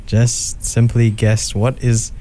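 A man's voice: medium pitch, level tone, takes it slowly, warm tone. A young man from southern Africa hosting a casual radio show. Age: young adult.

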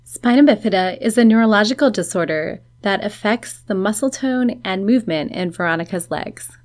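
A woman reporter narrating a scripted news feature in a measured tone. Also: mid-range voice, animated. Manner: measured, informative.

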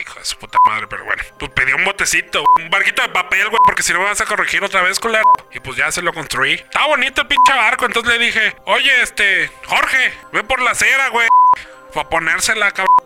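A man calling in to tell a rambling, crude comic story about his lost little brother, full of slang and quick to take offense. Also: high voice, expressive, over music. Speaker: caller telling a horror story.

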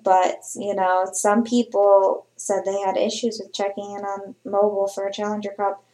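A woman's voice: medium pitch, little pitch movement, moderate pace, warm tone, echoey room. Chatty woman podcast co-host. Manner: chatty, meandering, frequent restarts. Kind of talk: casual podcast chat.

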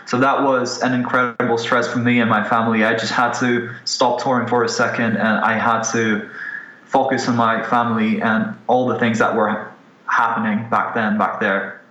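A man's voice: mid-range voice, pushed and bright. A man in his twenties from Ukraine, a musician talking candidly and casually in an interview, swearing now and then. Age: 20s. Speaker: guest musician. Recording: dull, roomy recording.

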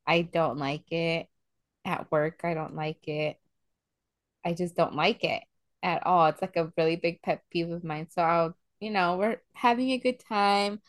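A young woman co-hosting a casual chat podcast, telling stories in an animated way and acting out the scenes. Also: lowish voice, unhurried, no echo, clean studio sound. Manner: animated storyteller, acts out scenes. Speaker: podcast co-host.

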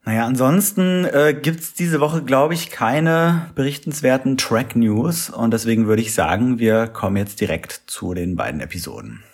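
A man's voice: medium pitch, expressive, moderate pace, hardly any pauses, slightly rough. A man co-hosting a podcast in casual chat. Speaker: podcast co-host.

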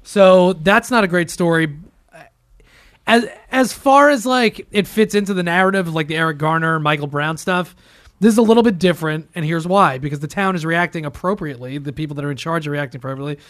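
A man hosting a casual podcast, upbeat and animated as he welcomes listeners and sets up topics. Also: on the high side, brisk. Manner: upbeat, animated promo delivery. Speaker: podcast host.

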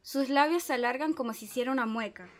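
A woman's voice: high voice, quick pace, lightly acted. A woman playing a patient, pedantic male philosophy tutor who explains in a methodical way, in a dramatic reading. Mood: instructive.

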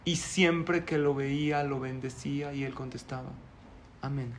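A male rabbi, telling a story in a sermon, animated and chuckling, asking the audience questions. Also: mid-range voice, normal speed, slight background noise.

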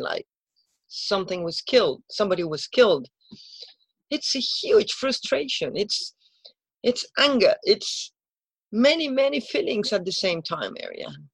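A woman's voice: medium pitch, no room sound, rough recording. A native Spanish-speaking woman with a Spanish accent talks earnestly and emotionally, repeating herself and searching for English words as if translating in her head. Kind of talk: heartfelt conversation.

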